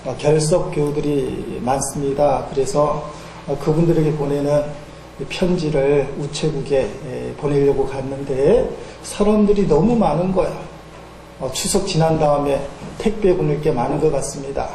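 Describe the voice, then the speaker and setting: High-voiced pastor in an echoey church. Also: male voice, normal speed, vocal fry, mellow, a little hiss or hum. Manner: folksy anecdotal storytelling with voiced quotes and filler "어". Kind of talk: sermon with storytelling. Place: church sanctuary. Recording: echoey church hall with faint ambience.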